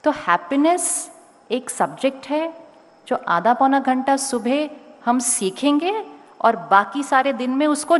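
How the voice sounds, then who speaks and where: A woman giving a motivational spiritual talk to a school audience, speaking slowly and deliberately and sometimes calling on the crowd to raise their hands. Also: fairly high pitch. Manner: calm, slow and deliberate, rising to urge the crowd. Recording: long hall reverb.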